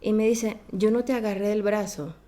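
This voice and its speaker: A woman guest on a podcast, telling a childhood story in a casual, animated way and acting out the voices of the people in it. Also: mid-range voice, moderate pace.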